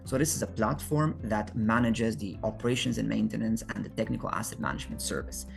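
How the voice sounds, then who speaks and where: A man's voice: fairly low pitch, fast, gravelly, faint music behind. A man from Romania, answering interview questions in an earnest, explanatory way with frequent restarts. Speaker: guest, solar company founder.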